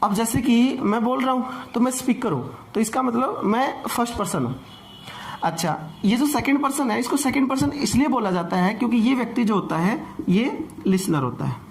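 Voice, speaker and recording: A man's voice: very high voice, lively intonation, normal speed, creaky, a little hiss or hum. A man teaching an English grammar class, explaining patiently and repeating points, often asking rhetorical questions.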